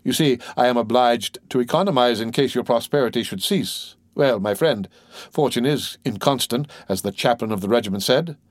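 In an audiobook, a man with a mid-range, near-everyday voice plays a sly, sentimental old innkeeper who speaks in a wheedling, sententious way. He talks at a moderate pace, and the recording is dry and studio quality.

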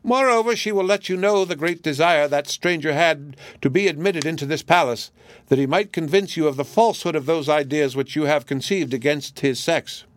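A man voicing a prince who fakes a parrot's voice, high and chirpy in an eager storybook reading. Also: normal speed, no room sound, lightly acted. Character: prince mimicking a chattering parrot.

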